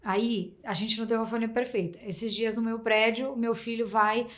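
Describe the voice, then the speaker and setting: A woman hosting a podcast, speaking with a Brazilian Portuguese accent in a slightly high voice. She tells stories in an animated way and acts out her child's replies. Her sentences ramble, with frequent restarts. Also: normal speed. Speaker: podcast host. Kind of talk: casual interview chat.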